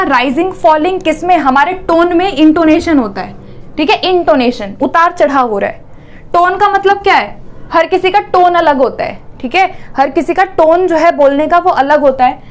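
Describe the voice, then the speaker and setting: A woman with a high voice delivers an exam-prep lesson. She explains step by step, asks her own questions and answers them, and checks in with her listeners after nearly every point. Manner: explanatory, repeats "theek hai" often. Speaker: teacher.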